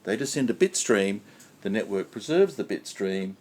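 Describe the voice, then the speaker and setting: A man's voice: on the low side, big pitch swings, normal speed, darkish tone. A man on a conference panel explaining technical history step by step, repeating key points for emphasis.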